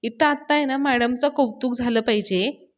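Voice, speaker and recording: A woman's voice: high-pitched, normal speed, dull audio, lightly acted. A woman doing a bashful young husband.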